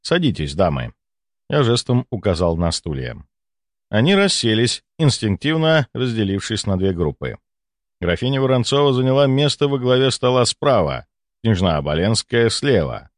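A male audiobook narrator tells the story in the first person, measured and wry. His pitch moves lively through each line, recorded close and dry. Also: dry recording.

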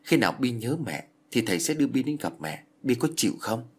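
A man voicing a calm old exorcist. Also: medium pitch, brisk, breathy edge. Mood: coaxing. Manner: soothing, coaxing. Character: calm older male exorcist monk, gentle.

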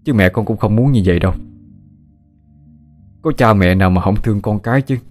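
A man voicing a gentle, fatherly male spirit who speaks in a soothing, coaxing way. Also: fairly low pitch, brisk, soft background music, close to an everyday voice.

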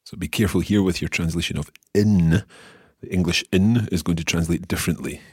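A deep, husky-voiced man running a language lesson, warmly coaxing his learner with praise. His voice sits low and slightly rough. The sound is dry and close, with no room echo. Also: brisk. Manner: encouraging, coaxes student. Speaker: Italian teacher hosting lesson.

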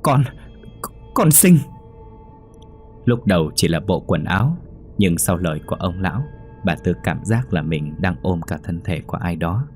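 A man narrating a ghost story in a measured, dramatic reading. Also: deep voice, darkish tone, soft background music.

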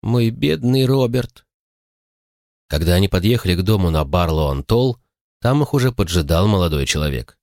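This is a man narrating an audiobook. His voice is deep, and his intonation rises and falls in an expressive storytelling manner. The recording is dry and close. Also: fairly quick, no echo. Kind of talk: scripted narration.

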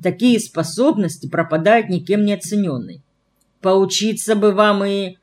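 A woman's voice: medium pitch, lively intonation, lightly acted. Courteous young scientist, as a woman reads him. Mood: groaning, earnest. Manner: polite, measured, groaning. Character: slim young male scientist, calm and courteous.

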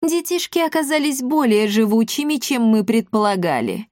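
A woman's voice: a little high, expressive, slow pace, dry recording, clean studio sound. Brief: sly villainous lady sorceress, mocking and gloomy, put on by a woman narrator, storybook. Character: mocking sinister noblewoman sorceress.

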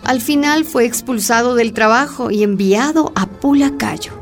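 Playing a courteous, inquisitive journalist, a woman narrates a radio drama in a polite storytelling style. Her voice is fairly high and a little slow, with soft music behind it.

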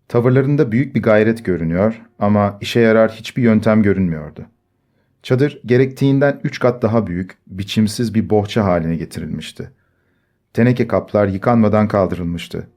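A man reading a story aloud in measured scripted narration. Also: fairly low pitch, darkish tone. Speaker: audiobook narrator. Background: faint music.

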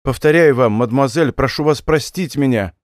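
A man voicing a heartbroken young nobleman who speaks slowly and gravely in an audiobook. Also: mid-range voice, no echo, studio quality, lightly acted. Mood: remorseful. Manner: slow, grave, bitterly measured speech. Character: young nobleman, bitter and heartbroken yet gallant.

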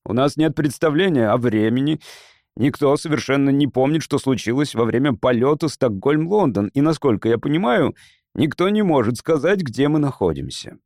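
A composed English member of parliament, voiced by the narrator addressing a crowd in a spoken novel. His delivery is measured and persuasive, with lively pitch swings and a dry, close sound. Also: no room sound, lightly acted. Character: patient, determined English male politician.

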